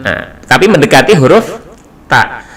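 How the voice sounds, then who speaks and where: A man leads a Quran recitation lesson at an unhurried pace, his voice sitting in a middle register. He explains patiently and breaks into short chanted demonstrations of each sound. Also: mid-range voice, sing-song, fairly bright tone. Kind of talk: tajwid lesson.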